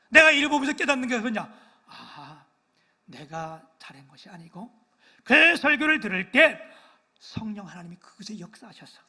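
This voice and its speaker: An older man preaching a sermon as pastor, telling stories with hushed asides and loud exclaiming peaks, teasing his congregation. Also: sits high, slightly rough. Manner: self-deprecating, teases the congregation for no amens. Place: church sanctuary.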